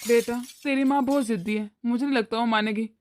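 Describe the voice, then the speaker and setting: Woman doing a weary old cartoon father-in-law, high-pitched, soothing and pleading. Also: fairly even intonation, fast talker, background noise, natural voice. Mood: placating. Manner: pleading, placating. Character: weary older father-in-law, calm peacemaker. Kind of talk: cartoon voice acting.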